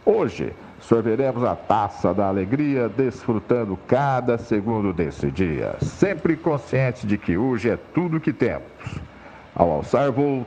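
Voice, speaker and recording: A man speaks in the even, measured cadence of a pilot addressing passengers. His voice sits low and mellow with a gravelly edge, and the pitch moves freely through each phrase. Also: a little hiss or hum. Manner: measured, announcer-like delivery. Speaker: motivational speaker posing as airline captain. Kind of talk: scripted motivational monologue in the form of an in-flight announcement.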